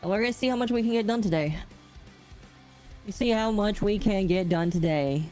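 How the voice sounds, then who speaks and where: A woman's voice: mid-range voice, fairly quick, darkish tone, soft background music. A woman streaming a game, talking casually through a voice changer in a chatty, rambling way that often corrects itself. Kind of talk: casual live-stream chat.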